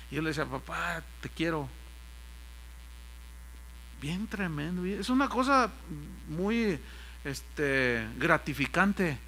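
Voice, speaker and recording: Mexican pastor preaching, bright high voice. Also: male voice, creaky. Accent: Mexican Spanish. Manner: folksy storytelling, mimics voices in anecdotes. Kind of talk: sermon.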